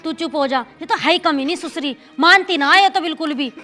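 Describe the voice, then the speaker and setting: A woman as a high, sharp-tongued village mother. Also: brisk, soft background music. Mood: soothing. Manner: scolding, earthy village speech.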